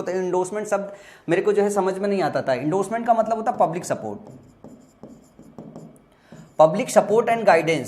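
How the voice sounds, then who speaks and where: A man's voice: high-pitched, darkish tone. A young man teaching an exam-prep vocabulary lesson, explaining patiently and asking and answering his own questions. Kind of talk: exam-prep lesson, Hindi mixed with English.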